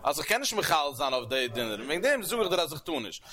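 A man giving a Talmud lecture as a religious teacher, animated, with sweeping rises and falls in pitch. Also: quick pace. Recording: crowd heard behind the voice. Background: crowd murmur.

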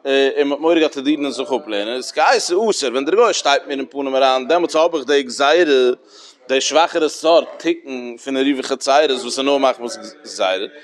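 A man's voice: mid-range voice, normal speed. Man giving lesson. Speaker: Talmud teacher. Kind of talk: Talmudic study lecture.

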